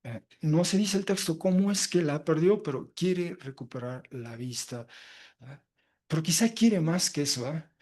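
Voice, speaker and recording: A man preaching an expository sermon from the pulpit, lively and animated, often tagging his points with quick questions to the congregation. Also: a little high. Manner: lively, often tags phrases with "¿verdad?" and "¿ah?"; animated, swinging between loud emphasis and quiet asides. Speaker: pastor.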